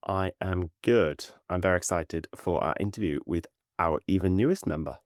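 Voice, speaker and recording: Male podcast co-host, deep voice, friendly and casual. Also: moderate pace, dry recording, studio quality.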